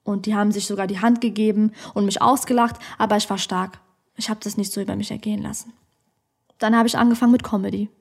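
A woman's voice: medium pitch, little pitch movement, fast talker, vocal fry, breathy edge. Blunt, emphatic woman telling a story. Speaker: comedian and podcast guest. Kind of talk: candid personal storytelling. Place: studio.

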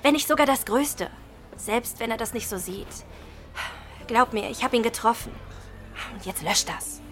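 A woman's voice: fairly high pitch, moderate pace, fairly bright tone, lightly acted. A woman playing a level-headed, insistent young investigator in a naturalistic drama, speaking firmly.

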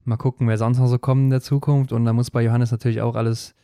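A man's voice: medium pitch, little pitch movement, fast talker, mellow, clean tone, no echo, studio quality. A man co-hosting a casual sports podcast, chatty, often tagging sentences with 'ne?', from the western German border region. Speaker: podcast co-host.

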